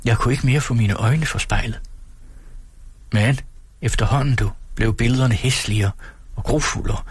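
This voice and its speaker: A man reading the part of a grave, dreamy middle-aged mother who speaks softly and as if far away, in an audiobook. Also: mid-range voice, breathy edge, no echo, close to an everyday voice. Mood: brooding. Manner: soft, brooding, faraway.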